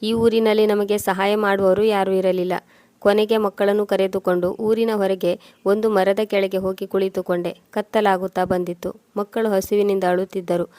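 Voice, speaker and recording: A woman reading a sorrowful first-person story in a steady way. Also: mid-range voice, moderate pace, dry recording.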